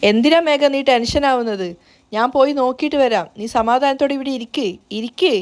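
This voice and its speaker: A worried, fumbling middle-aged uncle, put on by a woman narrator, pleading and fretting. His voice sits high for a man. It is told in a storybook recap. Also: brisk, close to an everyday voice.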